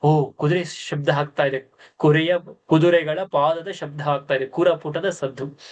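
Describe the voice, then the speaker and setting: Give me a male lecturer with a slightly high voice who recites poetry and then explains it plainly. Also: steady tone, dull audio. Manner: recites verse lines slowly, then explains each in plain everyday speech. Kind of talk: literature lecture.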